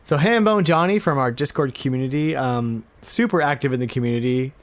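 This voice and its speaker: A man speaks a little fast in a mid-range voice as co-host of a casual retro games podcast. He's playful throughout, with the occasional mock-annoyed mutter to himself.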